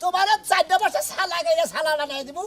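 A man with a rural Bangladeshi accent grumbles through a comic village skit, sounding fed up. His voice is very high and his delivery fast. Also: very noisy. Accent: rural Bangladeshi Bengali.

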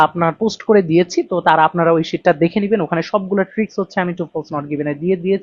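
Brisk male IELTS tutor, dry muffled sound. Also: high-pitched, dry recording. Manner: explains step by step, often asking and answering his own questions; reads English sentences slowly and deliberately. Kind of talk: screen-recorded exam lesson.

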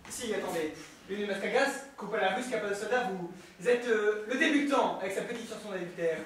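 A man's voice: high-pitched, brisk, fairly bright tone. A man playing a cowardly, dismissive cabaret director who talks down to the young soldier. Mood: condescending. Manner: condescending, hesitant. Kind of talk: stage play performance. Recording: echoey hall, mic far off, faint noise.

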